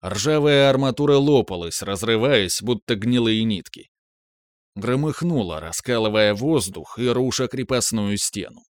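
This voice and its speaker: A man reading a novel aloud in the first person, with steady, measured storytelling. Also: fairly low pitch, no room sound, clean studio sound. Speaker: audiobook narrator. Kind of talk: first-person audiobook narration.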